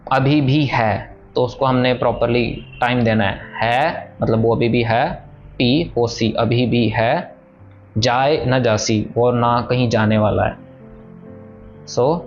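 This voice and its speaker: A man teaching how to pronounce scripture. He explains patiently, then recites each line slowly. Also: mid-range voice. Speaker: Gurbani pronunciation teacher. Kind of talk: pronunciation lesson, slow chanted recitation. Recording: dull lo-fi audio with soft music. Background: soft background music.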